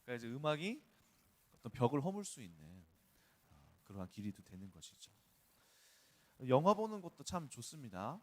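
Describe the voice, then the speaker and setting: A male pastor preaches a dawn service sermon at an early-morning church service, speaking conversationally and weaving in personal anecdotes. His medium-pitched, fairly bright voice is very animated, moving at a moderate pace with frequent pauses.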